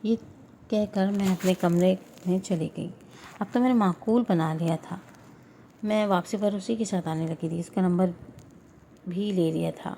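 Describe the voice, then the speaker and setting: A woman tells a heartfelt story in the first person, her voice sitting a little low. Her tone is mellow and soft-edged, with a steady, earnest delivery. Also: a little hiss or hum. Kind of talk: scripted story narration.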